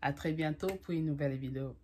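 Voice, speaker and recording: A woman's voice: deep voice, fast talker, mellow, a little hiss or hum. A woman vlogger giving relationship advice to camera in an emphatic, repetitive way, mixing in English phrases. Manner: emphatic, repetitive, addresses listener as "my lover"; mixes French with English phrases. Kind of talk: motivational talk to camera.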